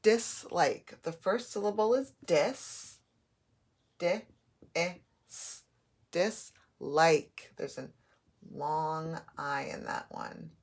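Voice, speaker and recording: A woman's voice: low voice, lively intonation, takes it slowly, darkish tone. A woman teaching a phonics and spelling lesson, patiently sounding out letters and words.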